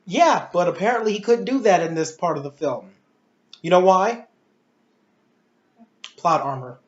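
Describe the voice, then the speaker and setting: Speaking a little slowly in a voice that sits high, a male movie reviewer rants emphatically about films with casual opinions and plenty of rhetorical questions. The audio is a muffled, echoey room recording.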